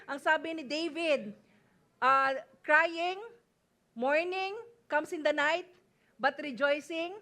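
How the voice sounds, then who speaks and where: A woman's voice: sits high, fairly bright tone. A woman pastor with a Filipino accent preaching a sermon in mixed Tagalog and English, emphatic and often calling out to the congregation for an amen. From Philippines. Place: church service before a congregation.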